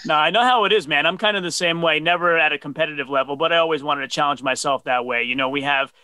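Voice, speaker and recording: A friendly man in his forties from New Jersey hosts a webcam interview, backing up his guest and asking long questions. His voice sits a little high for a man, bright and close, with a dry, deadened sound. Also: fast, clean tone, no room sound. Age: 40s. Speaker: interview host. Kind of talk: casual video-call interview. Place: dim home office. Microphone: webcam on video call.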